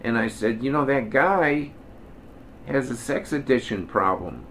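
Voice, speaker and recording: A man's voice: mid-range voice, expressive, measured pace, fairly bright tone, a little hiss or hum. An older man preaching in a plain-spoken, folksy way, now and then lifting his voice into emphatic quoted lines. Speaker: minister. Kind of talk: conversational sermon.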